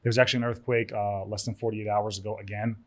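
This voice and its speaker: On a podcast, a Cypriot event organizer and studio owner chats casually, rambling, repeating words, laughing easily and often restarting sentences. His voice is on the low side with little pitch movement, and he talks quickly.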